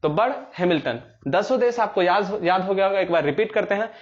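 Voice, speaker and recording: Young guy teaching exam tricks, high voice, jokey storytelling, kinda dull lo-fi sound. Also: expressive, a little fast. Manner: playful storytelling, acts out little scenes in rustic dialect. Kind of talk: explaining memory tricks for exams.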